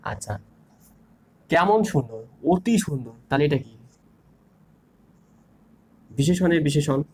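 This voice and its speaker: A man's voice: a little high, lively intonation, slow, darkish tone, slight background noise. A young man teaching an online grammar lesson, repeating key terms and asking and answering his own questions. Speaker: grammar instructor.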